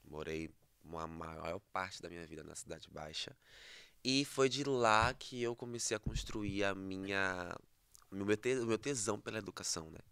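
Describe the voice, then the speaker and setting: A man, a math educator and guest on a podcast, talking in a relaxed way with restarts. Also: sits low, moderate pace, gravelly, clear, resonant tone, no echo. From Salvador, Brazil. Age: 30s. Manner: relaxed, with restarts and tag questions. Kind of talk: casual podcast conversation.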